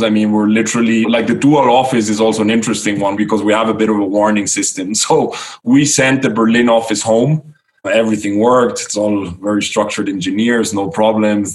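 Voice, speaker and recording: Low-voiced tech-bro startup founder, a man. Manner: tech-bro startup talk full of business jargon; frequent "like", "right?" and "no?" tags. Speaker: startup founder being interviewed. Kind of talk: conversational business interview answer.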